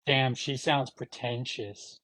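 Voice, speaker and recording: A man's voice: mid-range voice, steady tone, slow, fairly bright tone, no echo, low-quality recording. A man hosting a livestream, chatting casually and joking playfully with his co-host.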